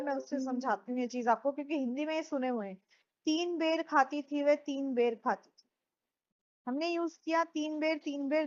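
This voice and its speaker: A woman's voice: high-pitched, dull audio. A woman who speaks Hindi as her first language, teaching a classroom lecture and often quizzing her students with repeated questions.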